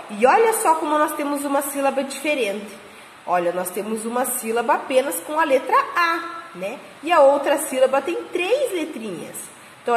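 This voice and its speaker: A Brazilian woman teaching small children to read, spelling syllables slowly and patiently. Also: a little high, a little hiss or hum. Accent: Brazilian Portuguese. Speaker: kindergarten teacher. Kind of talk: slow phonics lesson for small children. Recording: echoey room with long reverb.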